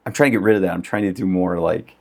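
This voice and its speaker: Low-voiced man chatting as podcast guest. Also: rapid-fire, vocal fry, darkish tone. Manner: conversational, laughs often, many fillers. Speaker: real estate agent guest. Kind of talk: casual podcast conversation.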